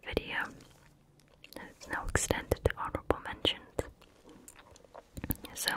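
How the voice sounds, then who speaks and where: A woman whispers softly, right up at the listener's ear, in an ASMR style. Her delivery is a casual, chatty monologue, kept fully hushed and unvoiced. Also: poor audio. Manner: soft, close-up whisper in the ear. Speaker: ASMR video host. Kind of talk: whispered ASMR chat about favorite music.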